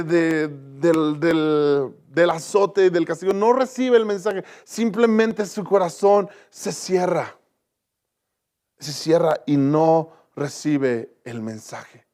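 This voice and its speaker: Man, pastor, high voice, earnest sermon, repeats and restarts phrases, church. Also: darkish tone.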